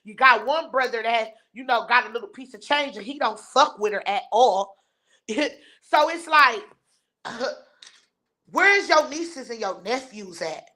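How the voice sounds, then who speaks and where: High, bright-voiced woman ranting. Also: animated, measured pace. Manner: blunt, profane and scornful, answering chat, laughing in between. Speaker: livestream commentator reading viewer chat. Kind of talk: heated live-stream rant.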